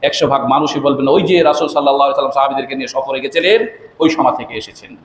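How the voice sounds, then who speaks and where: A man, an imam from Bangladesh, delivering a sermon. He asks rhetorical questions and often rises to loud, emphatic peaks. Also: mid-range voice, racing, a little hiss or hum. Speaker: imam and preacher. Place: mosque. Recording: echoey mosque hall, faint ambience.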